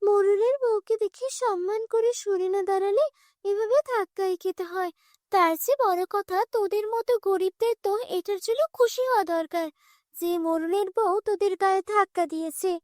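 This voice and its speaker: A haughty headman's wife in a cartoon, bossy and scornful toward the poorer women as a woman voices her. Her voice is very high and sharp with contempt. The recording is dry and close. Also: normal speed, dry recording. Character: arrogant village headman's young wife.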